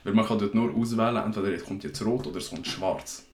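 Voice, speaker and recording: A man's voice: on the low side, fast, a little mellow, a little hiss or hum. A young man with a Swiss German accent, telling stories in a slangy, rambling way as a podcast host in casual chat. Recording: echoey room.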